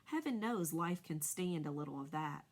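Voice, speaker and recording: A woman's voice: deep voice, normal speed. Woman reading a storybook aloud. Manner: expressive, shifting voices for each animal. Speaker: reader.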